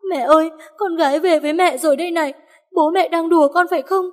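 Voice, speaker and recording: Very high and piercing, this is a young woman crying hysterically, her pleas breaking into screams. Every line comes out sobbing, wrenched and frantic. A long reverb trails behind the voice, as in a storybook drama. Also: lively intonation, moderate pace, warm tone. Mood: desperate pleading. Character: young woman wailing over her murdered parents.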